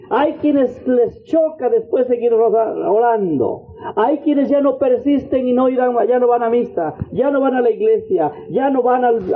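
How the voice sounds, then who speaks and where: A man preaching a fervent sermon as a missionary, leading the congregation in repeated prayer invocations. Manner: fervent preaching, repeated invocations, swings between low and high pitch. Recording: tinny phone-like audio.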